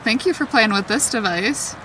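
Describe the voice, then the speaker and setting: A woman talking casually in an excitable, chatty way as she questions spirits aloud in a vlog. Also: a little high, moderate pace. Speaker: paranormal investigator. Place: outdoors in a forest at night. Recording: distant mic, clearly noisy outdoor ambience.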